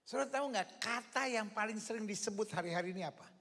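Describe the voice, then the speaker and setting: A man preaching a sermon as a pastor, shouting repeated lines and calling the congregation to answer back. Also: high voice, fast talker. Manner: preaching with shouted repetitions and crowd call-and-response. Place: large church auditorium. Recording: long reverb of a large hall.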